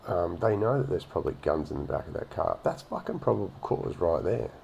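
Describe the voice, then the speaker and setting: Low gravelly man, blunt commentary. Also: big pitch swings, brisk, a little mellow, slight background noise. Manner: blunt and profane, indignant. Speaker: video reaction host. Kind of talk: casual commentary over police footage.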